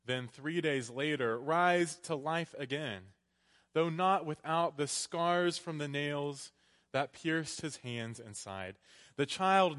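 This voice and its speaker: A man delivers a sermon in a big church, his voice ringing with long reverb. He speaks slowly and deliberately in short phrases, on the higher side for a man. There is a playful touch to how he addresses his listeners. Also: fairly bright tone. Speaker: preacher, priest. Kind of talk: Christmas Eve sermon from the pulpit. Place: large church. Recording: echoey hall with long reverb.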